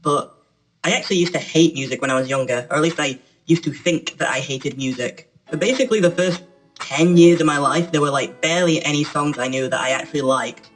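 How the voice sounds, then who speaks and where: A man's voice: a little high, fairly quick, a bit bright, soft background music, low-quality recording. A man voicing a little male mascot presenter through a voice changer, talking in a chatty, rambling way. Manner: chatty, rambling, self-correcting. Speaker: channel presenter. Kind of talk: casual talk to camera.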